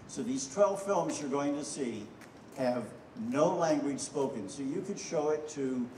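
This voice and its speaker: An older man, a filmmaker, introducing a screening to an audience with rambling anecdotes and frequent pauses. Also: medium pitch, noisy background. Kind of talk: storytelling speech to an audience. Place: festival screening hall. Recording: echoey hall, from far off.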